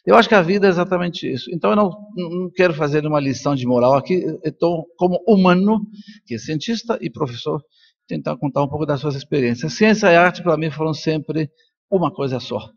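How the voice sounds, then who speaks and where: An older Colombian man, a native Spanish speaker and a neuroscientist and professor, gives an informal, reflective talk at a congress, sharing personal stories. His voice is fairly high, gravelly and animated, and he speaks a little fast. The recording sounds muffled.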